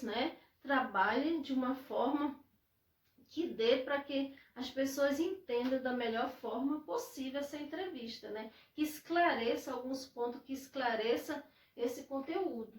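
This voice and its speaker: A woman's voice: sits high, lively intonation, unhurried, recorded from a distance. A Brazilian woman teacher explaining a lesson to her students, repeating her points and often checking in with "né?". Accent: Brazilian Portuguese. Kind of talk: classroom lesson. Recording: echoey room, voice off-mic.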